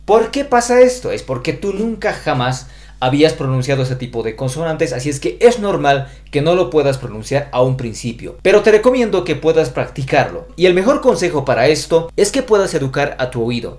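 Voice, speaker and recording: A man's voice: fairly high pitch, very animated, a little fast, darkish tone. A man with a Bolivian Spanish accent giving a pronunciation lesson, carefully spelling out each sound. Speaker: language teacher.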